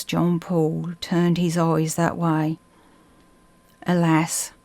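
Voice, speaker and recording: A woman with a Suffolk accent reading a ghost story as scripted narration in a measured storytelling manner. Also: fairly low pitch, a little mellow.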